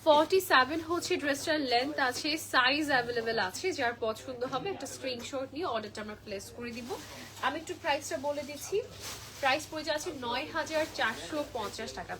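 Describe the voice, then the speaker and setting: A young woman, a little unwell, chattily pitching clothes on a live shopping stream and mixing in English phrases. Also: a bit bright, slight background noise. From Bangladesh. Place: clothing shop.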